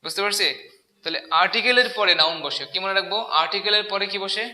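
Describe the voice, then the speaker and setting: A man's voice: high voice, fast talker, sharp tone. A man teaching an English grammar lesson, asking the class questions and repeating key words. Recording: echoey room.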